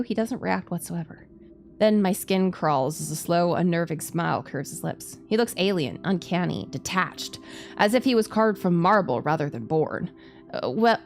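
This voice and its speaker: Female streamer reading a visual novel aloud; low, gravelly edge, dramatic delivery, music underneath. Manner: stumbles over hard words and repeats them. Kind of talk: dramatic narration of game text. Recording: music behind the voice.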